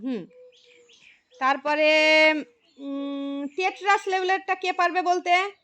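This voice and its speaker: A woman teaching a room of young pupils in a very high, bright voice. She calls on each child by name, patiently repeats the key phrases and encourages every answer. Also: slow pace. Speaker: primary school teacher. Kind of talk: classroom lesson.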